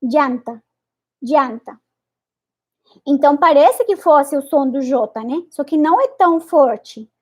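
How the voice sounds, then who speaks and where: High-voiced woman teacher. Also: expressive, darkish tone. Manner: repeats each word several times, deliberately exaggerated articulation. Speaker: Spanish teacher. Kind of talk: pronunciation lesson.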